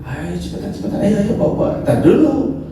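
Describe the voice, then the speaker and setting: A male preacher putting on a high, excited voice for an eager, impatient man who hurries the angels along, recorded from a distance in an echoey hall. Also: quick pace, creaky, a little hiss or hum, full character voice. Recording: echoey hall, distant mic, faint ambience.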